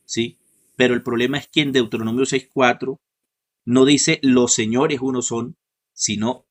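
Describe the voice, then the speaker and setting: A man hosting and moderating an online debate, speaking in a measured, questioning way and handing the floor to his guests. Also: medium pitch. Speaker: host and moderator.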